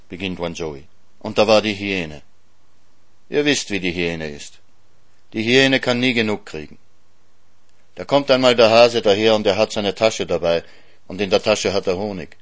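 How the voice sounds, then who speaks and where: Man, storyteller, reading aloud, low voice, calm. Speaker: narrator.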